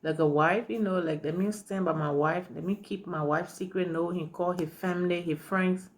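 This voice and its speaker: A woman's voice: fairly low pitch, steady tone, moderate pace. A woman in her forties from Liberia with a Liberian accent, earnestly telling her own story and often repeating herself with "you know" and "right". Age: 40s. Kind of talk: personal testimony to camera.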